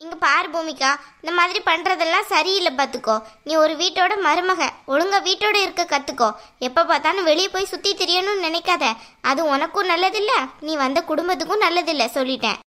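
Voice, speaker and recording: A woman's voice: very high voice, fairly quick, bright, forceful tone. A woman voicing a stern middle-aged mother-in-law who scolds and lectures her daughter-in-law but secretly cares for her. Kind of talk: cartoon voice acting.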